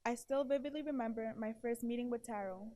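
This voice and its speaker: Presenting an award, this early-twenties woman reads a prepared testimonial earnestly to the crowd. Her pitch is fairly high and her tone dark, and she moves at a fairly quick clip. A stutter shows up as blocks and repeated syllables.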